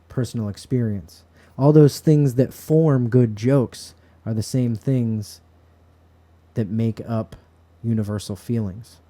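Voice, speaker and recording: A man's voice: on the low side, mellow. A man speaking to camera in a bedroom, giving an earnest, reflective, philosophical monologue. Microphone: camera set up in front of him.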